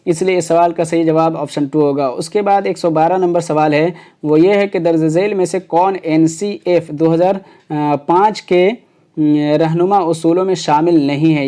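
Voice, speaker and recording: Mellow-voiced man teaching an exam lesson. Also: a little high, fairly even intonation. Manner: explains step by step with many fillers. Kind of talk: exam prep lecture.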